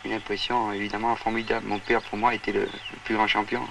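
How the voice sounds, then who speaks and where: A man in his twenties answers questions earnestly, hesitating and repeating words. His low voice stays flat. He is a little far from the mic on an old 1960s recording with faint hiss. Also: quick pace, gravelly. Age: 20s. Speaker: interviewee. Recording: distant 1960s outdoor film sound.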